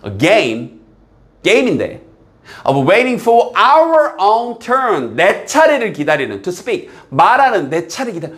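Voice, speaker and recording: A man teaching an English exam passage, reading English lines slowly and explaining them in Korean, often checking that students follow. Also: high-pitched. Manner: lively, drills students with repeated checks.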